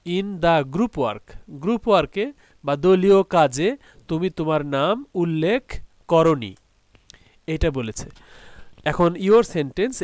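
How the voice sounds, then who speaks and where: A man gives an online school lesson, patiently spelling out words letter by letter and syllable by syllable. His voice sits a little high and sounds smooth and clear, recorded close and dry with no room echo. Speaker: teacher.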